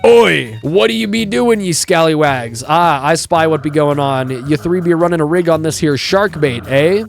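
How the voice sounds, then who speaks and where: A boisterous pirate captain with a hearty, booming sea-dog dialect, bossing his crew around in a game, as a man puts him on. The voice sits a little high for a man, over faint game music. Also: moderate pace, gravelly. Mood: scolding.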